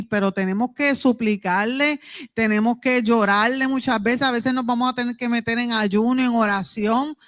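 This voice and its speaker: A Puerto Rican woman leads a church Bible class. Her voice sits a little high, and she speaks in an earnest, conversational way. She keeps checking in with her listeners. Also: a bit bright. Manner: earnest, conversational, with many "¿verdad?" tags. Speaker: Bible school teacher.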